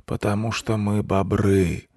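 A man voicing a very old grey male beaver, a pompous zealot who speaks slowly and solemnly. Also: on the low side, flat delivery, a little mellow, dry recording, clean studio sound. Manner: slow, solemn and self-important.

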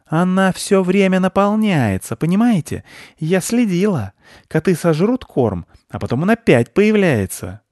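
A man's voice: high voice, big pitch swings, measured pace, a little mellow, no room sound, clean studio sound, voice pushed up. A man voicing a greedy, hysterical female squirrel who shrieks and rants in a storybook reading. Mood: agitated, paranoid. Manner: shrieking, frantic, paranoid.

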